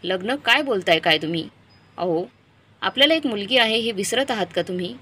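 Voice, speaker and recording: Lady doing a hurt pleading mom, upset wife, bright voice. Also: medium pitch, expressive, a little fast, a little hiss or hum. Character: hurt, pleading middle-aged wife and mother.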